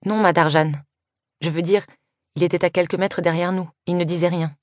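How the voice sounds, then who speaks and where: A woman's voice: fairly low pitch, steady tone, normal speed, no echo, studio quality, voice pushed up, natural voice. A woman reading aloud and voicing a sensible teenage older sister who speaks hesitantly and reasons things out.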